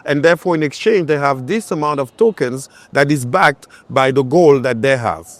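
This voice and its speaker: A man from Cameroon and France, a finance entrepreneur, speaks as a guest in an interview conversation, often punctuating his points with tag questions like "right?" to check them. His voice is medium-pitched at a moderate pace, with no echo.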